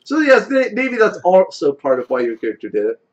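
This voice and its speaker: Guy game mastering a tabletop session, lively highish voice, expressive, slightly muffled mic. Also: fairly quick. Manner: expressive, conversational. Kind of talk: casual tabletop game narration.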